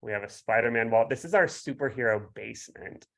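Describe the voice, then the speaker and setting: A man's voice: mid-range voice, a little fast, vocal fry, fairly bright tone. A man speaking as a guest author, explaining things casually in an enthusiastic, friendly way. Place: home basement.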